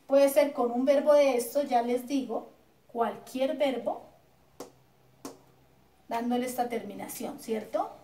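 Colombian lady teacher going over grammar real slow and patient, kinda high voice, sounds far from the mic. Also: warm tone, slight background noise. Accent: Colombian Spanish. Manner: slow, patient, repeats words and checks with "¿cierto?". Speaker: schoolteacher. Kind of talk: recorded grammar lesson. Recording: echoey room, voice off-mic.

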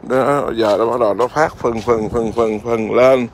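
A man's voice: medium pitch, steady tone, unhurried, a little hiss or hum. A man, a Buddhist monk, chatting casually outdoors in his garden and keeps asking his viewers whether they see. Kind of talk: casual home vlog.

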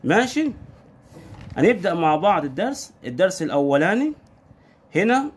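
A man's voice: a little high, very animated, a little fast. A man with an Egyptian Arabic accent tutoring his young daughter at home, patiently repeating words and prompting her with questions. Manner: patient drilling with constant call-and-response questions. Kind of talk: home English lesson for a young child.

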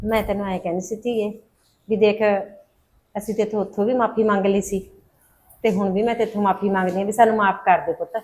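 A woman's voice: medium pitch, steady tone, fast, darkish tone, a little hiss or hum, lightly acted. An actress playing a middle-aged mother-in-law apologizing, with a Punjabi accent. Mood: apologetic. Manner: apologetic, pleading. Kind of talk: Punjabi short film acting.

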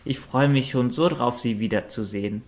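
A man's voice: mid-range voice, normal speed, a little mellow, natural voice. A man reading aloud, voicing a big, cheerful female dragon who chats in easy colloquial speech. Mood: easygoing. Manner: easygoing colloquial chatter.

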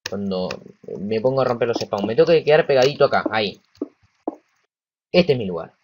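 A man with a Rioplatense Spanish accent gives casual let's-play commentary in an average-pitched voice. He talks excitedly to himself and to the game as he plays, and swears when frustrated. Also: a little fast, dull audio, a little hiss or hum. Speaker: gameplay commentator.

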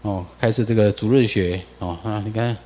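A man with a Taiwanese accent giving a lecture over slides, animated and full of rhetorical questions to the audience. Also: fairly low pitch, normal speed, big-room sound.

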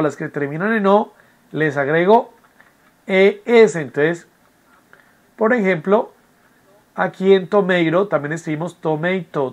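A man's voice: a little high, gravelly. A man, teaching an English lesson from home, patient and repetitive, often checking that students follow. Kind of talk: recorded online class explanation.

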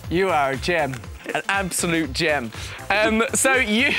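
A man's voice: high voice, very animated, unhurried, sharp tone, faint music behind. A man in his thirties with a British accent, hosting a live TV quiz with casual, playfully incredulous banter. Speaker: live TV quiz show host. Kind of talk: casual, bantering chat with a caller. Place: TV studio set.

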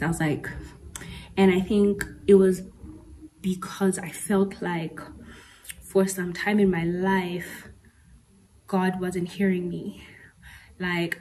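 Casting: woman in her twenties, mellow tone, candid storytelling chat with easy laughs, faint room noise. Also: lowish voice, poor audio. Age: 20s. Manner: candid, chatty, laughs often, mixes in Sesotho slang. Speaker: podcast host. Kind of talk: casual personal chat.

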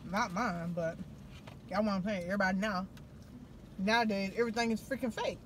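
A woman's voice: medium pitch, fairly even intonation, brisk, slight background noise. Chatty middle-aged woman hosting a car mukbang. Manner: chatty, slangy, laughing wrap-up. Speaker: host. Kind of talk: casual eat-with-me chat. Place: inside a car.

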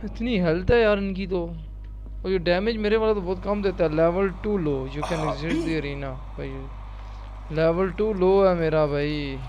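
A young man with a high voice, casually commentating on a game in a mix of Hindi and English. He talks very fast, with exasperated reactions. It is a noisy home recording with game sound around him. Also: lo-fi sound. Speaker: gamer commentating on his gameplay.

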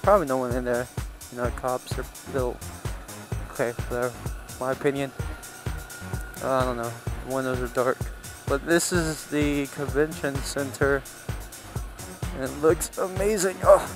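With music in the background, a man with a mid-range voice and fairly even intonation talks at normal speed. He's a motorcycle vlogger riding outdoors through city roads, rambling casually and thinking aloud as he rides.

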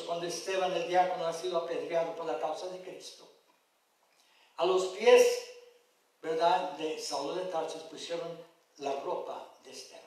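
A man's voice: a little high, darkish tone. A man pastor giving an impassioned sermon and putting questions to his congregation. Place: church sanctuary. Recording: very echoey church hall, mic far off.

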